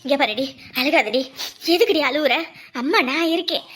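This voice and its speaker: A woman's voice: high-pitched, lively intonation, moderate pace, fairly bright tone, a little hiss or hum. An actress playing a fierce, protective village grandmother who scolds and exclaims in rural colloquial speech. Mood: resolute. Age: older. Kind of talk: TV serial acting.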